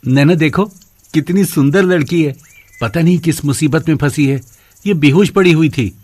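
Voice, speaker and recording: A man's voice: a little high, normal speed, a little mellow, dry recording, natural voice. A man voicing a kind, poor laborer in a cartoon, reassuring and generous.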